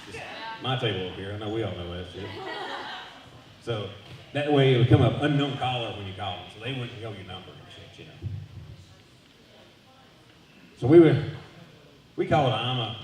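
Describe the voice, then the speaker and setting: A man tells crude stories on a brewery stage, his pitch leaping around in a lively way. He sounds boomy and distant, as if caught by a mic far off in a reverberant room. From Southern US. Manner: loose, profane storytelling with animated voice jumps. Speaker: stand-up comedian. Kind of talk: stand-up comedy set. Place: brewery comedy showcase stage. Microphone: handheld stage microphone.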